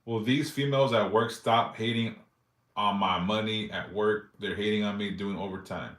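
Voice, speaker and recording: A man's voice: fairly low pitch, moderate pace, a bit bright, echoey room. A man in his forties hosting a casual live stream, reading viewer questions aloud and answering them briefly, with loose, profane talk. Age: 40s. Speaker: livestream host answering yes-or-no questions.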